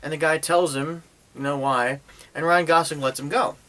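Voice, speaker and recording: A man's voice: a little high, fairly even intonation, normal speed, bright, forceful tone. Man rambling through a sarcastic movie review. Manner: rambling retelling with many fillers and sarcastic asides. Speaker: film reviewer. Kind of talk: casual spoken movie review.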